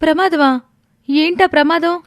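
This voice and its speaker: Cartoon storybook role: woman playing caring, fretful young woman; high pitch, dry booth, worried and questioning. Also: steady tone, unhurried, no echo. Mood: alarmed. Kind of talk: animated storybook voice acting.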